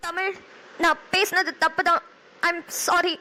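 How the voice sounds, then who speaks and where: A woman voicing a blunt, scornful young female office coworker in a cartoon, talking in a quick, mocking way. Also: extremely high pitch, level tone, loud music behind the voice. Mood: apologetic. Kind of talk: cartoon voice acting.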